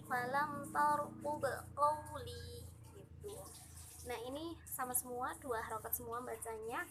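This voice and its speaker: A young woman with an Indonesian accent talks through Quran recitation rules casually, with a high, light voice. She fills her sentences with "gitu", and she draws the example verses out slowly. Clear background noise sits under the recording. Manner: chatty explaining, frequent "gitu" and fillers, slow drawn-out recitation of examples. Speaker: student teaching Quran recitation.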